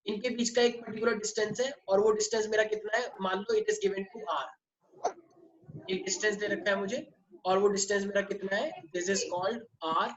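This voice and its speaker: Mixing Hindi with English, a man teaches physics in an online class and keeps quizzing his students. He speaks at a normal speed in a high, fairly bright voice, captured by an online class microphone with muffled sound and faint noise.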